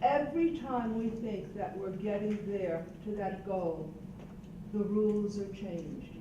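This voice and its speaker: In a panel discussion, an older woman from Puerto Rico speaks slowly at a medium pitch, sounding sincere, reflective and forceful in her points. The recording is distant and echoey, dull with background noise.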